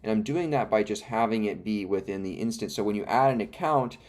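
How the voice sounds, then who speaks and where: Low-voiced man live-coding, with hiccups. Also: brisk, a little mellow. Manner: mutters code steps aloud, then explains in a rambling, self-correcting way. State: has the hiccups. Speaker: livestream host. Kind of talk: live coding stream, thinking aloud. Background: faint music and keyboard typing.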